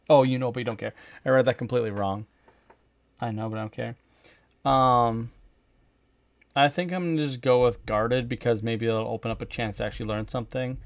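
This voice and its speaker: Young guy streamer talking over his game, excitable and sweary, dry close mic. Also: mid-range voice, fairly quick, no echo. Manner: excitable, swears freely, thinks aloud. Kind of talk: casual gameplay commentary.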